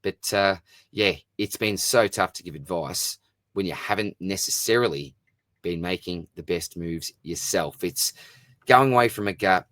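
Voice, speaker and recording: Going solo on his fantasy sport Q&A show, a man reads listener questions and answers them informally, full of slang and friendly banter. He has a lowish voice, and the recording is dry.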